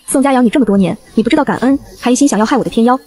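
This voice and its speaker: A fierce old grandmother shouts and scolds in a storybook reading, as a woman narrator voices her. The voice stays fairly high and rushes along. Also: lightly acted. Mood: furious.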